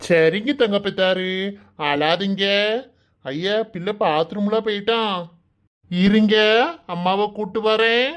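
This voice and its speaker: A voice actor plays a fond young village father in a comic cartoon, soothing a baby in a gentle, coaxing mid-pitched voice with a Kanyakumari accent. He fumbles along, cheerful and a little clueless. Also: steady tone, takes it slowly, long pauses, a little hiss or hum, natural voice. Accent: Kanyakumari Tamil.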